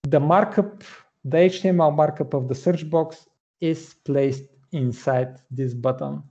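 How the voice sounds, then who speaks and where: Slow, gravelly man demoing code. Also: fairly high pitch, mellow, lo-fi sound. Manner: methodical, explanatory, many "uh" pauses. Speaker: front-end developer presenting. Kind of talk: screen-share coding walkthrough.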